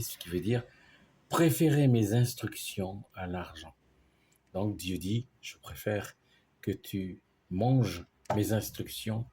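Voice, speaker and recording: Man, language teacher, slow delivery, mellow husky voice, patient explanations, spells words out. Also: fairly low pitch. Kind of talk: language lesson.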